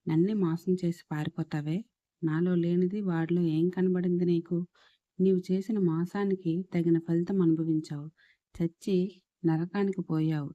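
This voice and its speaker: A woman's voice: fairly low pitch, fairly even intonation, normal speed, dark tone, no echo, lo-fi sound, natural voice. A woman voicing a cruel male gangster boss who gloats and taunts in a storybook reading. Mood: gloating.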